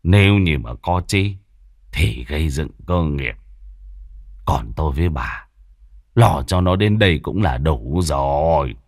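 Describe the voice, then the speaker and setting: A man voicing a stern, hot-tempered wealthy old village patriarch who scolds and shouts orders. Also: very deep voice, lively intonation, unhurried, dry recording, studio quality, pitched below the performer's own voice.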